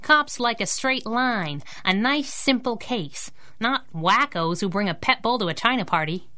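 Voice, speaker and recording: Kit Baxter, bright, sassy girl sidekick. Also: a little high, animated, unhurried. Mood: wry, playful. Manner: teasing, sassy banter. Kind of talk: 1930s-style radio adventure acting.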